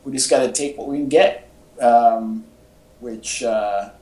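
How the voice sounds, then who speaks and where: A man hosts a casual pop-culture podcast, speaking at a measured pace in a warm, medium-pitched voice. He sounds like an enthusiastic fan and uses plenty of casual slang. The home recording is echoey and roomy.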